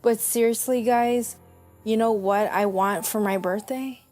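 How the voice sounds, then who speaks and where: A woman's voice: on the high side, steady tone, measured pace, a little mellow, faint music behind, voice pushed up, natural voice. Woman doing a slurring drunk southern belle. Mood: playful drunk.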